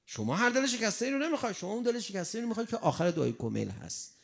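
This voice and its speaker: A man preaching a sermon in an animated way, acting out a crying child and the replies to it. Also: high voice, creaky.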